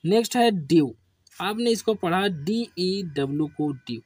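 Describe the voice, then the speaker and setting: A man teaching English spelling to beginners, drilling words slowly with repeated questions and answers. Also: high voice, lively intonation, darkish tone, slightly rough, dry recording. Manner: slow, repetitive call-and-response drilling. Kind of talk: classroom lesson for beginners.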